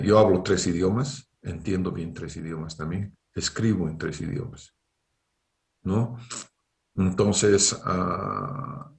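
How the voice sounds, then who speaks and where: Over a video call, a middle-aged man with a Bolivian Spanish accent lectures university engineering students and frequently asks "¿no es cierto?" rhetorically. His voice is low and creaky, with reverberant sound.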